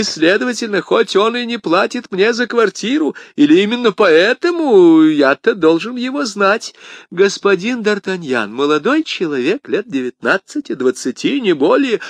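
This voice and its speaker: A man voicing a frightened, fussy middle-aged landlord who pleads in a shrill, flustered voice. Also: vocal fry, fairly bright tone, breathy edge, no room sound, full character voice.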